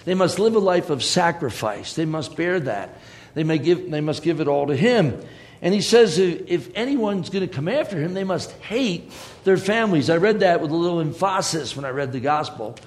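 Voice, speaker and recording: A man's voice: a little high, lively intonation, normal speed. A man preaching a sermon in a conversational way, with joking asides.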